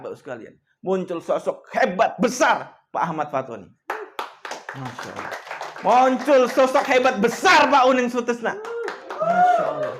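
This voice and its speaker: A man with a notably high voice delivers a motivational speech to an audience. He tells stories, addresses his listeners often, and adds frequent devout exclamations. His delivery swings from soft, almost whispered lines to loud, emphatic bursts. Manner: swings between hushed, soft passages and loud emphatic outbursts. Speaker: motivational coach.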